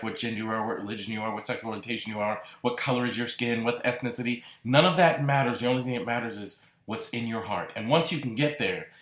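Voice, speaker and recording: A man hosting a solo podcast, talking earnestly and reflectively, lingering on repeated words. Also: medium pitch. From Massachusetts. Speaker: podcast host. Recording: roomy echo.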